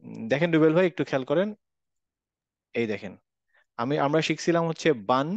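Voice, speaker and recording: A man's voice: fairly high pitch, fairly quick, creaky, no room sound, muffled recording. A man teaching a Quran recitation class online, patiently repeating examples and checking that students follow. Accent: Bangladeshi Bengali.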